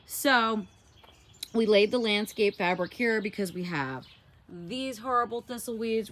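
Shot outdoors on a handheld phone, the casual walk-and-talk garden vlog features a woman in her forties who is chatty, enthusiastic and laughs easily. Her voice is stuffy, nasal and fairly low, with slight background noise behind it.

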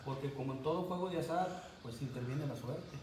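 A man's voice: mid-range voice, a little fast, background noise. A man chatting casually in an interview, often laughing as he talks. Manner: laughs often while telling stories. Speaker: cockfight handler.

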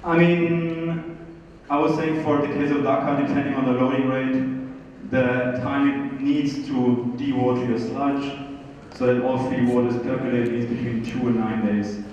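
A man in his thirties giving a technical presentation and answers at a conference, with halting phrasing, on a handheld microphone. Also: mid-range voice, flat delivery, a little mellow, far from the mic. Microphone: handheld microphone through hall PA. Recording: muffled, very echoey hall, faint noise.

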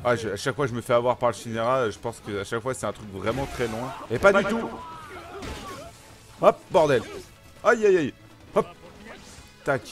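A man from France, a gaming YouTuber, talking chattily through character setup and gameplay with lots of quick exclamations. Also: medium pitch, over music. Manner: excitable, chatty, punctuates action with exclamations. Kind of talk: gameplay commentary.

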